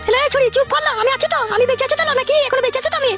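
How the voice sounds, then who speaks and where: A woman voicing village women in a comedy cartoon, shrill, scolding and lamenting. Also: very fast, a bit bright, faint music behind.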